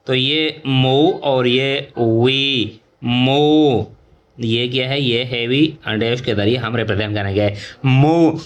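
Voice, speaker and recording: A middle-aged man gives a shorthand lesson at a deliberate, unhurried pace, his voice sitting somewhat high for a man. He draws out each example word and fills pauses with short hesitations while he writes. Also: a bit bright. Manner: drawn-out example words, thinking aloud with fillers. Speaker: shorthand teacher. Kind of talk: slow whiteboard-style lesson.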